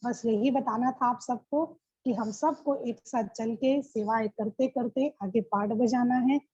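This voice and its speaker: A woman sharing a personal spiritual experience in an animated, emotive storytelling way. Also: a little high, a little slow, slightly rough. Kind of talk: personal testimony. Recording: muffled lo-fi recording.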